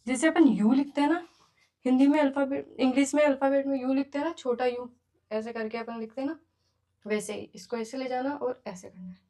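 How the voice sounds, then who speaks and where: A woman's voice: high voice, fairly even intonation, a little fast, dark tone. A woman teaching beginners to write, patiently counting each stroke aloud as she goes. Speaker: Japanese teacher. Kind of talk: beginner writing lesson.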